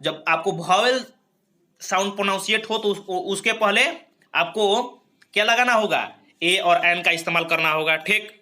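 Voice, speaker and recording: A man's voice: high-pitched, unhurried, sharp tone. A man teaching English grammar for exam preparation, drilling each rule and checking in with the class after almost every point. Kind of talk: exam-prep grammar lesson. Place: recorded lesson video.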